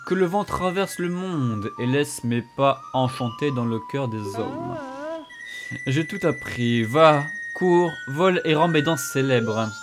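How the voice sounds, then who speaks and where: A man voicing the ghost of a dancer, lamenting in a slow, poetic, theatrical way. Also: mid-range voice, animated, over music, pitched above the performer's own voice. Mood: solemn.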